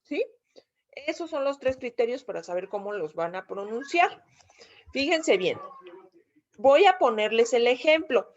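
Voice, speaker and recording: A Mexican woman teaches in a slightly raised voice, laying out each rule step by step. She keeps pausing to check that her listeners follow. The audio is a bit dull and lo-fi. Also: fairly high pitch, sing-song. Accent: Mexican Spanish. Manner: patient step-by-step explaining, checks understanding with frequent "¿sí?". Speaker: English teacher. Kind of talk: video lesson explaining grammar.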